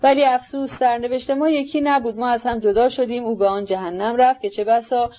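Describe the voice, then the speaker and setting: A woman's voice: on the high side, steady tone, mellow, natural voice. A woman reading the part of an old general who is grandly swept up in his own war memories, on a dull lo-fi recording. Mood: boastful.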